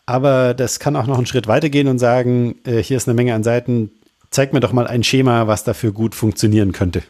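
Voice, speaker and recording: A man on a tech podcast explaining something in a halting way, with many fillers. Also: medium pitch, fairly even intonation, darkish tone. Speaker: podcast co-host. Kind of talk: casual tech podcast chat.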